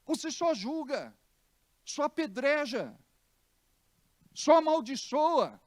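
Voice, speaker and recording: A man's voice: extremely high pitch, big pitch swings, slow pace, dry recording, studio quality. A Brazilian man preaching as pastor in a church, emphatic and acting out stories. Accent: Brazilian Portuguese. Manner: emphatic preaching with dramatized anecdotes. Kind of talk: sermon.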